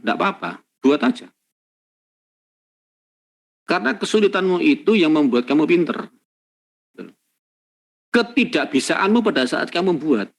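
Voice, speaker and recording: A man's voice: fairly high pitch, gravelly. A man giving a university lecture, emphatic and repetitive, with many rhetorical tag questions. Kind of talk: classroom lecture.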